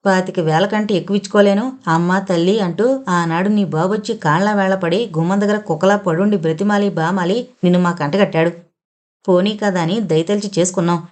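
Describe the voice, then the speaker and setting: A woman's voice: mid-range voice, steady tone, a little mellow, lightly acted. A woman voicing a harsh scolding mother-in-law. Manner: scolding, drawn-out taunting words.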